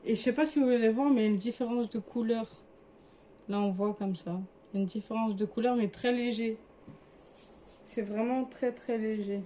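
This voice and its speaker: A woman's voice: a little high, fairly even intonation, moderate pace, dark tone, a little hiss or hum. A young woman casually showing her clothes in a vlog, chatty and sometimes hesitant as she searches for words. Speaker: vlogger.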